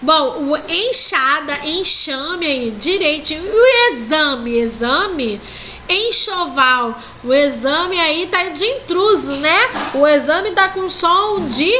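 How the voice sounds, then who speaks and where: A woman's voice: high voice, lively intonation, pushed and bright, a little hiss or hum. A woman with a Brazilian Portuguese accent, teaching a recorded primary school class and patiently drawing out each example word. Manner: slow, patient, drawing out example words and checking with "ok?" and "né?". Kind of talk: recorded online class correcting textbook exercises.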